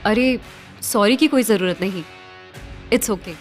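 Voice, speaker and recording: Lady doing a cocky college dude, voice pushed low and smooth, taking his time. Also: slow, soft background music, lightly acted. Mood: cool smug. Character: young college man, cocky but calm.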